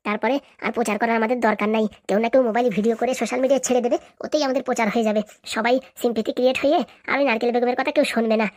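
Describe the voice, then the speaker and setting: Woman as a bossy scheming cartoon aide, high and very fast. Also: no echo, studio quality, natural voice. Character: scheming female campaign aide, sly and bossy.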